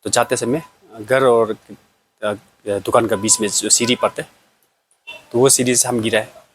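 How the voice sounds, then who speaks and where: A man's voice: medium pitch, fairly even intonation, a little hiss or hum. Man casually telling his own story. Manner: plain, halting personal account. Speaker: vlogger.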